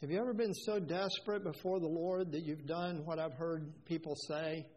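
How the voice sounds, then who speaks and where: A man with a high voice preaches in earnest, measured stretches that swell into fervent appeals. The recording is dull and lo-fi, muffling his delivery. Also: fairly even intonation, darkish tone, husky. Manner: earnest preaching, rises to fervent scripture quotes. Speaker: pastor. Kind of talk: sermon.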